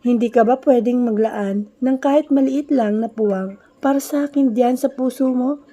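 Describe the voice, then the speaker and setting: A lovesick young woman pleads with the man she loves, as a woman reading the story voices her. Her voice sounds mellow and sits a bit high, and her delivery stays emotional. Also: measured pace, soft background music. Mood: pleading.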